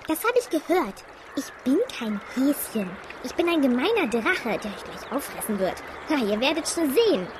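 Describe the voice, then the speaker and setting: A high, very lively little bunny acted by a woman for a fantasy audio drama. It is cranky and pompous, indignantly boasting that it is a mighty mean dragon, with clear ambient noise behind it. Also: normal speed. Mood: threatening.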